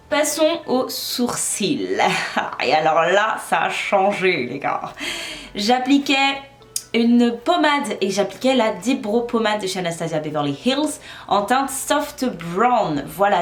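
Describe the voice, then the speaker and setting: A young woman talks her way through a makeup tutorial in a casual, chatty, self-mocking way. Her voice sits at a middling pitch and bounces around an echoey room, with faint music underneath. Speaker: beauty vlogger.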